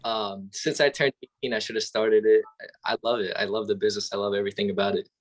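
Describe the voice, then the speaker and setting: A man's voice: lowish voice, fairly even intonation. Eager young man. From Albania. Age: young adult. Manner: eager, enthusiastic, talks quickly in short bursts. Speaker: guest, real estate student. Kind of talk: casual interview answers.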